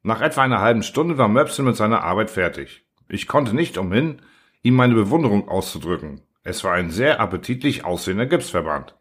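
A man reading a humorous first-person short story aloud in a wry, expressive style. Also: fairly low pitch, brisk. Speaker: audiobook narrator.

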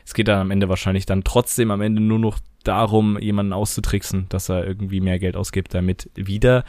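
A man co-hosting a podcast in casual chat, talking emphatically and quick to disagree. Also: lowish voice, level tone, warm tone, dry recording. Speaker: podcast co-host.

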